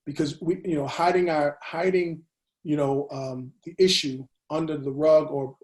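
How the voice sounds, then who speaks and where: A man speaks slowly and deliberately, leaving long pauses between his thoughts. His voice sits a little high for a man. He is leading a book discussion over a video call. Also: a little mellow. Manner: slow, deliberate, many pauses and fillers. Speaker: discussion leader.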